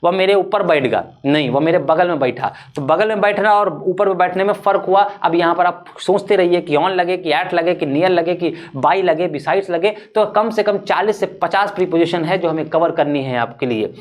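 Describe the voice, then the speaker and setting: A young man teaching an English class online. He talks in a lively way, asks rhetorical questions and answers them himself, and drops English terms into his Hindi. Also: sits high, normal speed, hardly any pauses.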